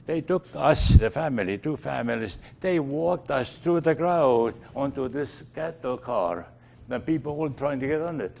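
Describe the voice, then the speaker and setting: An older man from Estonia, a native Estonian speaker, slowly recalling his family's past in an oral history interview, with many fillers and restarts. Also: medium pitch, animated, gravelly, a little mellow.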